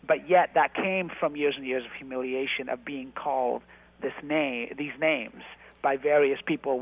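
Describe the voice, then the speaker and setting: Man on a tinny radio line. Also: mid-range voice. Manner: halting, many restarts and fillers, animated when telling stories. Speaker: radio interview guest, actor and writer. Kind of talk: casual conversational interview.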